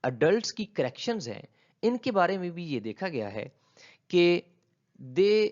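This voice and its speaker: A man's voice: high voice, sing-song, darkish tone. A man teaching linguistics in a video lecture, mixing English terms into his explanations and posing questions he then answers. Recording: slightly dull lo-fi audio.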